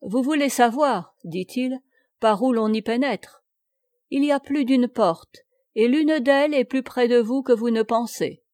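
A woman's voice: fairly high pitch, unhurried, darkish tone, dry recording, clean studio sound, pitched above the performer's own voice, natural voice. A woman doing a sly cocky peasant boy.

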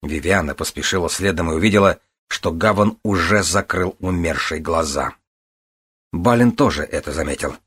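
A man narrating an audiobook in an even, measured reading. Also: sits low, breathy edge.

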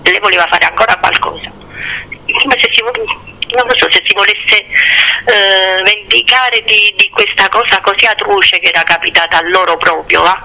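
An older man, a guest author recalling family memories in a radio interview, earnest and pausing to search for words. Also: sits high, gravelly, bright, forceful tone, low-quality recording.

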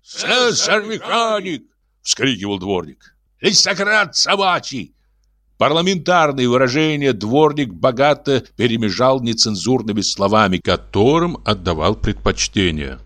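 A man narrating an audiobook with animated, theatrical storytelling. His pitch moves widely, keeping every sentence lively. The recording is dry with no room sound. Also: moderate pace, no room sound.

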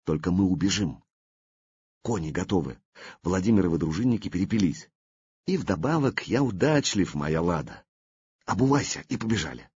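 A male reader voicing a bold, daring young warrior with a Norse accent, speaking low and calmly. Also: normal speed, husky, no echo, lo-fi sound, heavily acted. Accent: Norse-tinged Old Russian speech. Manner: low, steady, menacing calm.

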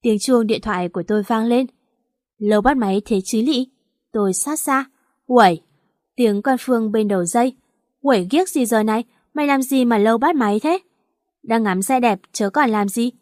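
A woman reading a first-person romance story aloud, lively and acting out the dialogue. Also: a little high, normal speed, no echo, studio quality. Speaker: audiobook narrator.

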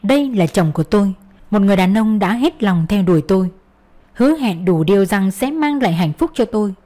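A woman tells a first-person audio story with a bitter, hurt edge to her voice. Her pitch sits mid-range for a woman, and the delivery is steady storytelling. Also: brisk. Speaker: narrator.

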